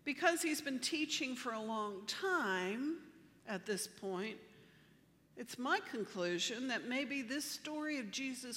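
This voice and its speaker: A woman preaching a sermon in a slow, deliberate way, leaning hard on key words. Her voice is bright and ringing. It carries a long reverb from the church hall she speaks in. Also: fairly high pitch. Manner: measured, emphatic preaching with slow deliberate phrasing. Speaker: pastor.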